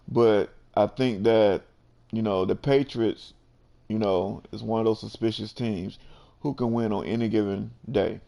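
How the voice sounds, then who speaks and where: A man with a low, gravelly voice hosts a relaxed sports chat. He keeps it loose and easygoing, dropping "you know" between thoughts as he lays out his picks. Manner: laid-back, peppered with "you know". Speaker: host.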